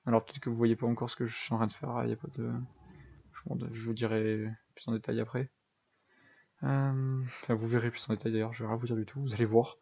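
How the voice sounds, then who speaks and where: A man's voice: mid-range voice, flat delivery, fast, creaky, dark tone. Chatty young man with a lo-fi mic. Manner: chatty, self-deprecating, thinks aloud with many fillers. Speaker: gaming YouTuber. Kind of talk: casual Minecraft commentary.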